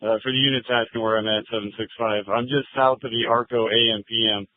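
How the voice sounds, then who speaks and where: A man's voice: medium pitch, steady tone, fast, no echo. A male police officer talking in clipped, informal procedure over police radio on a narrowband scanner feed.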